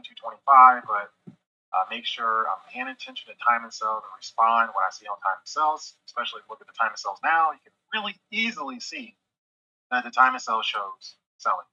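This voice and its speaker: A man's voice: medium pitch, sing-song, pushed and bright. Scratchy-voiced man narrating live trades. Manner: thinks aloud in quick half-muttered remarks. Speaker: day-trading livestream host. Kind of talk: live trading commentary. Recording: dull lo-fi sound.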